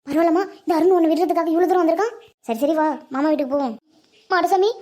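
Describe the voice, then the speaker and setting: Someone doing a high fussy village granny. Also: very fast, a little mellow. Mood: fond. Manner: scolding and fond. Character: fussy older village grandmother. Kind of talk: cartoon voice acting.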